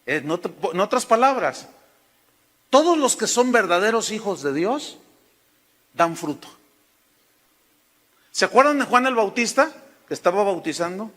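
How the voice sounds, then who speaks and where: High, bright Mexican-accented preacher. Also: male voice, very animated, a little slow, long pauses, in a large hall. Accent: Mexican Spanish. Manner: folksy storytelling, addresses listeners as hermano. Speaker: pastor. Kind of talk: sermon.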